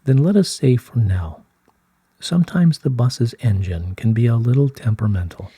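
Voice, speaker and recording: A man reads channelled spiritual messages from a script, slowly, in a solemn, measured, soothing way. His voice is soft and breathy, medium in pitch and animated, captured in a dry recording.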